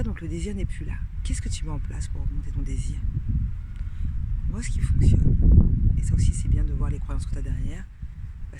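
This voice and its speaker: A woman's voice: low-pitched, background noise. A woman coach talking casually to camera, addressing the viewer directly with many fillers and sometimes dropping to a whisper. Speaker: sex and couples coach. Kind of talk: casual advice vlog to camera.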